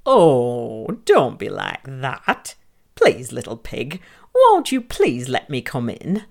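A greedy male wolf from a storybook coaxes and whispers, as a woman puts him on. His voice jumps from hushed breathy lows to strained high pleas. He sounds sly and sweetly false. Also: huge pitch swings, slow pace, full character voice. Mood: sulky. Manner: wheedling, sniffing and whispering.

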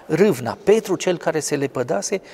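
A man explaining a scripture passage in conversation, scholarly and digressive, often pausing with fillers. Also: a little high, animated, gravelly, darkish tone, breathy edge, long reverb tail. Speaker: theologian commenting on scripture.

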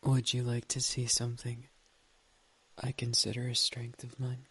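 This ASMR roleplay casts the speaker as a doting partner, whispering intimately right at the mic in an airy, almost voiceless way, with little mouth clicks during silences. The tone stays flat and even, fond and gently teasing, at a mid-range pitch and normal speed with a breathy edge.

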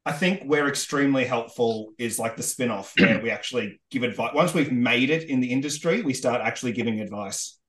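A man co-hosting a casual podcast, relaxed, steering the talk. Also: mid-range voice, a little fast, few pauses. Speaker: podcast co-host. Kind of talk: casual chat.

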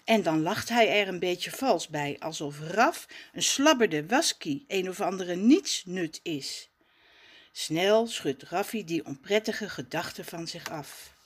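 A woman reading a children's story aloud in a gentle, expressive storytelling manner. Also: on the low side, slow pace, breathy edge. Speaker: storybook reader.

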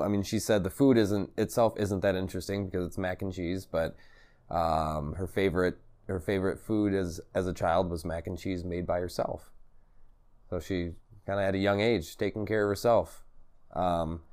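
A man hosting a solo podcast and vlog, talking to camera in a halting, rambling way and often repeating or correcting himself. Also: sits low, fairly even intonation, darkish tone. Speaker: podcast host. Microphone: recorded on camera for video and podcast.

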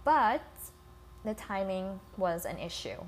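A woman with a gravelly, creaky voice talks at an unhurried pace, like a casual podcast host addressing listeners directly. Her informal speech is captured on a phone, with light scratching noise in the background. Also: medium pitch, sing-song. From Philippines. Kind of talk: casual solo podcast intro. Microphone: iPhone.

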